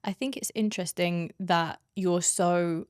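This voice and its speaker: Low-voiced woman interviewing a guest. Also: steady tone, unhurried, no echo, clean studio sound. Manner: reflective, summarizing the guest's points. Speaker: podcast host. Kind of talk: interview questions.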